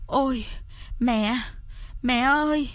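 A woman's voice: on the high side, lively intonation, slow, a bit bright, dry recording. A woman doing a gasping, pained young boy. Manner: breathless, gasping complaints. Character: young boy, frightened and suffering, turning dragon.

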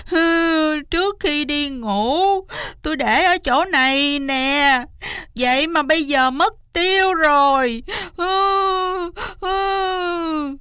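A woman's voice: a little slow, sharp tone, no echo, clean studio sound. A woman voicing a sly, boastful male fox who whines and fake-cries in a storybook reading. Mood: fake crying. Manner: high, shrill, wailing and whining.

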